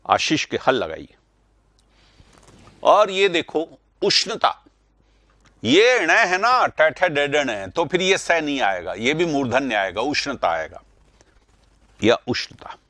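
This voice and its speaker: In an online class, a man teaches Hindi spelling and pronunciation, repeating words to stress the correct sounds and addressing students directly to correct their answers. His mid-range voice has a fairly bright tone, and the recording is dry.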